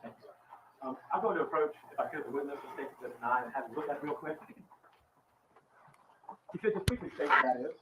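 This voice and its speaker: Male defense attorney, courtroom recording playback; quick folksy questioning, far mic. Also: on the high side, lively intonation, noisy background. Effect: courtroom recording played back. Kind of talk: cross-examining a witness. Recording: roomy, distant courtroom mic.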